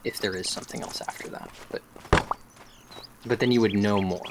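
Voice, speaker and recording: A man's voice: on the low side, fairly quick, background noise. A man chatting casually and playfully as he comments on a game being played. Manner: playful, bantering. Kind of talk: casual gameplay chat.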